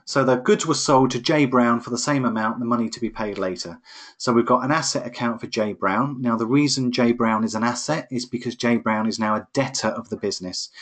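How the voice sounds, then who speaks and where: A man's voice: medium pitch, fairly bright tone. A man tutoring accounting in a live online lesson, explaining each step patiently over a computer microphone. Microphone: computer microphone on a webinar.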